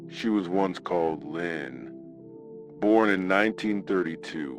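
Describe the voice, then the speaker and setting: With a deep voice, a man hosts a scripted horror radio show, telling a ghost story dramatically and ominously, leaving weighted pauses.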